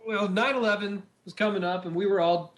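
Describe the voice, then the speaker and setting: A man with a slightly high voice co-hosts a relaxed beer-tasting chat. He rambles in an easygoing way and fills his pauses often. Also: slight background noise. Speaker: podcast co-host.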